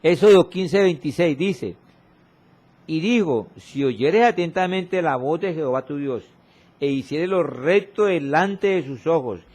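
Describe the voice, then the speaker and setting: On a radio broadcast of a church sermon, a man reads scripture slowly and repeats exhorting refrains. He is expressive, his voice frequently sinking low and soft for emphasis.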